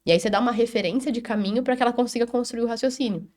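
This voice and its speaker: A woman's voice: on the high side, racing, darkish tone. A Brazilian woman on a panel, speaking animatedly about children and acting out little dialogues between parents and kids. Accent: Brazilian Portuguese. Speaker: child health specialist on a panel. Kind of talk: casual panel discussion.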